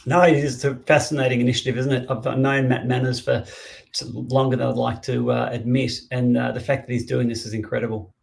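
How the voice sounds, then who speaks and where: A man's voice: mid-range voice, little pitch movement, fairly quick, vocal fry. Man hosting a virtual event. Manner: reads a formal introduction, then chats loosely. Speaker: event host. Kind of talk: introducing a speaker.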